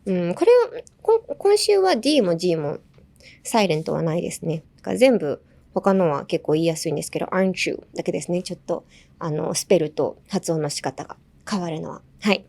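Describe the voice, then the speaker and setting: A woman's voice: fairly low pitch, expressive, brisk, gravelly, warm tone. Young woman, podcast host, casual lesson, chatty, explanatory, light laughter.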